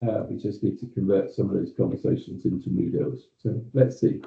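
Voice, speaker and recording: A British man, a company executive, giving a staff meeting update on a video call, measured, with frequent ums and you-knows. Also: sits low, steady tone, gravelly, mellow, echoey room, lo-fi sound.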